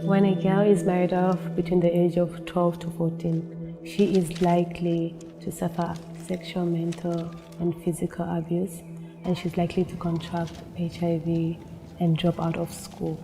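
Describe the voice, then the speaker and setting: A young woman narrates a documentary, earnest and measured. Her voice sits low with a gravelly fry and stays level in pitch, while clear music plays underneath. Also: monotone. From Zambia. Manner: earnest, measured personal testimony. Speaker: narrator, women's advocate. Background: film score music.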